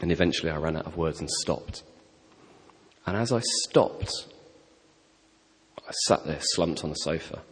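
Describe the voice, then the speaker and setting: A middle-aged man preaching a personal testimony, telling his story with animated, self-deprecating humour. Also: extremely low pitch, unhurried, long pauses, breathy edge. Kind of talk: sermon testimony. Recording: long hall reverb.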